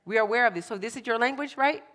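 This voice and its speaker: A young adult woman giving an energetic motivational talk to a youth audience in an event hall, repeating her key phrases in a chatty way. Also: on the high side, racing. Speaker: motivational speaker.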